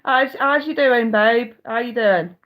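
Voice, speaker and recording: On a webcam or phone live stream, a middle-aged woman with a blocked nose chats casually and rambles, her voice on the high side and a little slow. The audio is dull. She stays warm and chatty with viewers, swearing casually as she goes.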